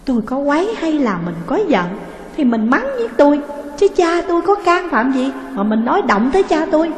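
A woman voicing a sweet, soft-spoken young wife in a storybook reading, in an echoey room with a long reverb. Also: on the high side, unhurried, natural voice. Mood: indignant. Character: sweet young wife, gentle then hurt.

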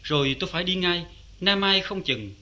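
An actor with a Southern Vietnamese accent playing a weary, poetic wandering man in a radio drama, speaking softly and reflectively. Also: high voice, expressive, brisk, exaggerated voice. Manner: soft-spoken, reflective and poetic. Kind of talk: vintage radio drama acting. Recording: faint music behind.

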